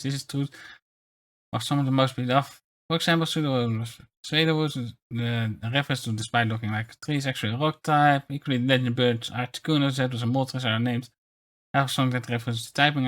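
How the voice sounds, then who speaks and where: A man's voice: medium pitch, fairly bright tone. A man streaming casual commentary as a VTuber, rambling and stumbling over his words as he reads aloud. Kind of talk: casual livestream commentary, reading articles aloud.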